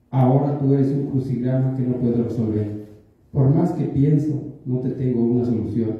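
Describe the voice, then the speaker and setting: A man reading his own poetry and stories aloud at a literary event, in a measured, deliberate way. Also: medium pitch. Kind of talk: poetry and short story reading. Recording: echoey, distant, dull room recording.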